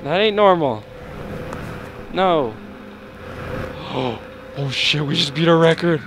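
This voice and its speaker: A young man narrates his horror game run in a high, jumpy voice that leaps into yelps and panicked shouts. He swears constantly and talks to the monster chasing him. Loud game music plays behind him. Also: animated, slow pace. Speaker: gameplay streamer.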